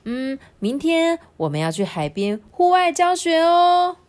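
A kindly dinosaur schoolteacher from a picture book, speaking in a bright, reassuring sing-song, as a woman reads her part. Her lines ride well above the narrating voice and swing widely. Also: extremely high pitch, big pitch swings, unhurried, voice pushed up, heavily acted. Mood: cheerful. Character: cheerful caring female dinosaur teacher.

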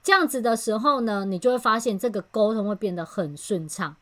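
A woman's voice: medium pitch, fairly quick. Woman explaining communication skills. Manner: animated storyteller who explains patiently. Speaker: communication trainer and podcast host. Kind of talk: casual explanatory chat.

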